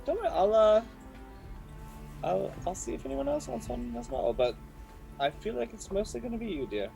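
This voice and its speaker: A woman voicing a kindly, dotty old woman who is hard of hearing, fussy and halting in a tabletop game. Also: mid-range voice, sing-song, creaky, music in the background, voice pushed up, low-quality recording. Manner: fussy endearments, flustered halting speech.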